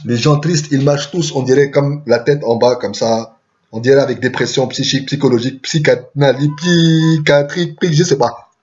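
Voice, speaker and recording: A man's voice: medium pitch, steady tone, fairly quick, a little mellow, lo-fi sound. A man telling a rambling comic story, full of chatty asides and word-play.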